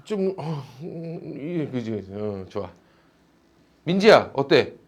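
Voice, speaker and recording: A man's voice: mid-range voice, big pitch swings, slow pace. A male teacher giving a classroom lecture, teasing and calling on students by name.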